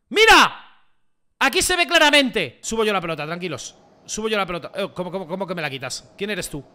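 Male gaming YouTuber, high and bright, excitable play-by-play with repeated phrases and shouts. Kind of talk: gameplay commentary.

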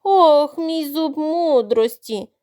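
A woman voicing a greedy male crocodile in a storybook, moaning and wailing in long, drawn-out groans. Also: high voice, very animated, darkish tone.

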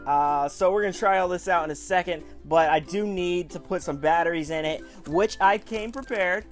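Speaking at a normal speed, this twenties-aged man with a strikingly high voice hosts a toy review for the camera in a small home room. He sounds relaxed and eager, much like a talkative internet presenter, while gentle music runs underneath.

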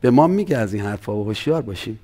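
A male pastor delivering an animated sermon, often acting out quotes in other voices. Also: on the low side. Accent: Persian. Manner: animated preaching with acted-out quotes.

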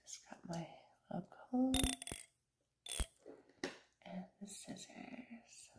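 A middle-aged woman doing a whispered role-play as a soothing, gentle hair stylist, with a breathy, slightly creaky whisper, getting over an illness. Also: on the low side. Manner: soothing, unhurried, gentle reassurance. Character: calm, attentive female hair stylist. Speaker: ASMR performer playing a hair stylist. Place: small indoor room with fabric backdrop.

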